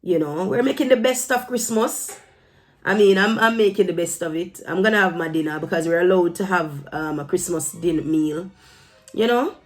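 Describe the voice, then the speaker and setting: In a lowish voice at normal speed, a woman from Jamaica shares her opinion with viewers in casual to-camera talk. Her tone is emphatic and admonishing, and she slips into Patois now and then.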